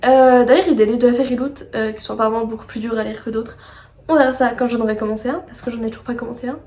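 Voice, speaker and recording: A woman's voice: a little high, steady tone, very fast, darkish tone. A young woman vlogging a book box unboxing, chatty and rambling with many fillers and asides. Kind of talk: casual unboxing vlog.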